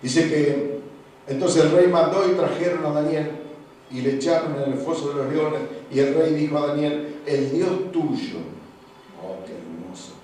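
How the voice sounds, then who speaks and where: Argentine preacher guy, kinda high voice, hushed then booming, echoey church hall from far off with faint noise. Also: fairly even intonation, moderate pace. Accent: Argentine Spanish. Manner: preaching with swings from hushed to loud exclamations. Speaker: pastor. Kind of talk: sermon.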